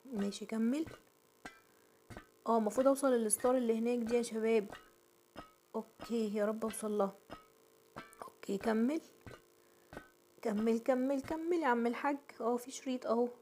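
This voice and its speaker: A woman with an Egyptian accent giving let's-play commentary on a horror game. She shrieks, repeats words in rapid bursts and is out of breath. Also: on the high side, steady tone, warm tone, soft background music. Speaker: gaming channel host.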